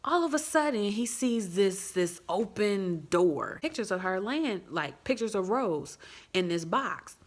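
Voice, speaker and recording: A woman's voice: medium pitch, unhurried. A woman casually reviewing a movie on her phone, retelling the plot with energy and acting out scenes. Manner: lively retelling, acts out scenes.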